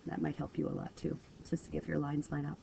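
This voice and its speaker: A woman with a low, warm, creaky voice teaches a math lesson over a screen recording, speaking fast and in a monotone. Slightly stuffy from a cold, she goes step by step in a patient, apologetic way, and the dull lo-fi recording carries a faint hiss.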